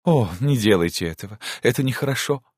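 A man voicing a spirited, high-strung countess. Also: a little fast, husky, dry recording, studio quality. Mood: teasing. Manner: lively, teasing, then indignant. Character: spirited warm-hearted countess, woman. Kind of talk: audiobook character reading.

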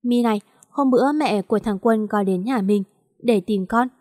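A woman voicing a gentle, worried older father in an audio story, speaking with concern. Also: fairly high pitch, normal speed, no echo, clean studio sound, natural voice.

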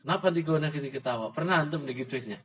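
Reading Arabic passages and then breaking them down in everyday speech, a religious teacher runs an Islamic book study full of mocking, joking remarks to his listeners. He speaks quickly in a voice on the high side with a fairly bright tone. The dull lo-fi recording carries slight background noise.

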